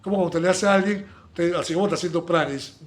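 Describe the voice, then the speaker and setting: A man teaching a Bible study sermon, acting out little dialogues and swinging between loud exclamations and soft asides. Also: sits high, fast.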